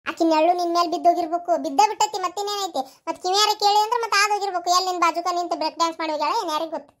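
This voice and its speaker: A gossiping married woman from a cartoon village, with a North Karnataka Kannada accent, voiced by a performer. She speaks very high and very fast, spinning eerie local tales. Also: a bit bright. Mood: gossipy. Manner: rapid, gossipy storyteller. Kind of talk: cartoon comedy voice acting.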